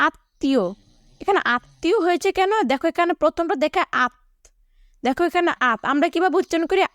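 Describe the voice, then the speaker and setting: High-voiced woman teaching a lesson. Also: no room sound, clean studio sound. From Bangladesh. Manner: explains slowly, repeating words and addressing students. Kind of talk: online lesson for schoolchildren.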